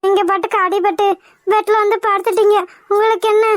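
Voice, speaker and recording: A devoted young wife from a cartoon, clingy and teasing with her husband. Her voice is extremely high and close to the mic. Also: flat delivery, fairly quick, dry recording.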